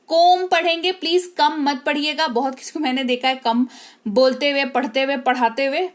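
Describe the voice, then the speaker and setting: A woman's voice: high voice, steady tone, normal speed. A woman teacher giving an online English spelling lesson, patiently explaining rules and repeating key words.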